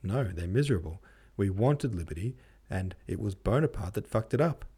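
A man's voice: fairly low pitch, animated, moderate pace, mellow, slightly rough. A man voicing a contemptuous, blunt aristocrat. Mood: sneering. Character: cynical sneering young male aristocrat.

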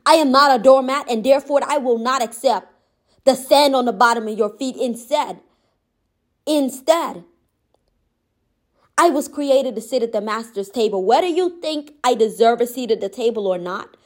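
Woman, high voice, impassioned motivational monologue, gentle but firm delivery. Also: moderate pace. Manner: impassioned, repetitive emphatic phrasing.

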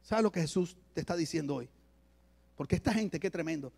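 A male pastor preaching an emphatic sermon to a church, swinging from loud declarations to low asides. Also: a little fast, vocal fry.

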